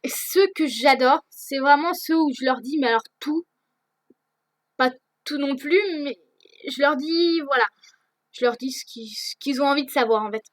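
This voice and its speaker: A woman's voice: high voice, normal speed, no echo. A teenage girl answering viewer questions in a casual vlog, hesitant, with many fillers and restarts. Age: teens. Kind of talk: casual chat.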